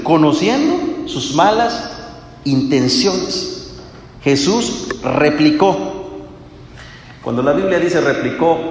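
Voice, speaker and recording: A man preaching a sermon, asking the listeners rhetorical questions and swinging between loud and hushed. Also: on the high side. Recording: echoey hall.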